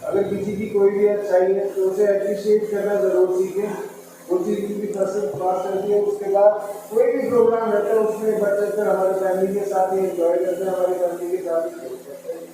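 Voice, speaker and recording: A man on the center staff giving an informal introduction in a flat, even way. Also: high voice, brisk. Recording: distant, very echoey, noisy room.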